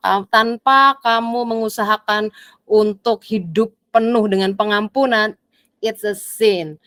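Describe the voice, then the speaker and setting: Woman, 30s, pastor, casual sermon, mixes in English, fairly high voice, dry close sound. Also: no room sound.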